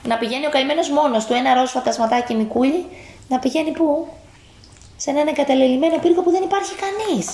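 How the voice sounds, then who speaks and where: A woman at home reads a children's picture book aloud, pausing often to ask her listener questions. Her fairly high voice has a gravelly edge. The room echoes and there is a faint noise behind her. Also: darkish tone. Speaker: parent reading to a child.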